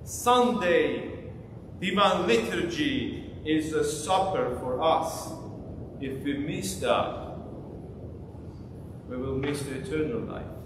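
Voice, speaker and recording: Recorded by a distant camera in a small, echoey church sanctuary with background noise, a man in his thirties preaches in Armenian and asks his congregation questions. His fairly high voice moves slowly, with frequent pauses.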